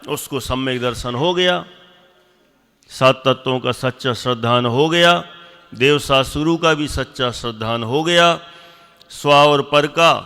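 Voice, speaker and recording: A man teaching a religious class, slowly repeating definitions and quizzing and scolding his pupils. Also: medium pitch, bright, forceful tone, smooth, in a large hall. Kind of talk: classroom lesson with questions to students.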